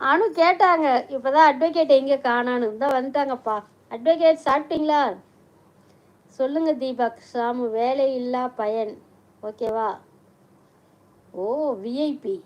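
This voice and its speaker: A middle-aged woman hosting a casual live stream, chatting warmly with viewers, reading out their comments and mixing in English words. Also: sits high, poor audio.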